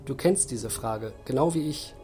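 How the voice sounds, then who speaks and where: Male reader playing a hushed mysterious mentor, low and even. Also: normal speed, over loud music, lightly acted. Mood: cryptic. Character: mysterious male guide, calm and cryptic.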